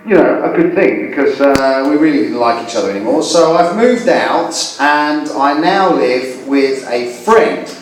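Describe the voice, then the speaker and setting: A man's voice: medium pitch, animated, faint music behind. Forty-something male comic in an echoey room. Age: 40s. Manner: halting, repeats words and phrases. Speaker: stand-up comedian and host. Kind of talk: live stand-up comedy with audience banter. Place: indoor comedy venue. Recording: echoey live room, distant mic.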